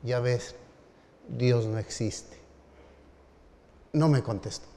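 A man voicing a defiant skeptical middle-aged lawyer who shouts up to the heavens, in a sermon story. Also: mid-range voice, slow, slight background noise. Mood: flat scornful. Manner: loud anguished calling out. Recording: long hall reverb.

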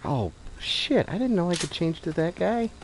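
A man's voice: high-pitched, big pitch swings, normal speed, background noise. A man giving casual gameplay commentary in an offhand, muttering, sarcastic way. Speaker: gamer commenting on his playthrough.

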